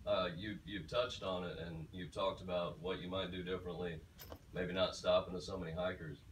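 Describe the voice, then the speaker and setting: A man's voice: low voice, little pitch movement, fairly quick, a little hiss or hum. A man in the audience speaking frankly and hesitantly, with many fillers. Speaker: audience member, long-distance hiker. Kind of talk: casual comment from the audience. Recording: echoey room from far off.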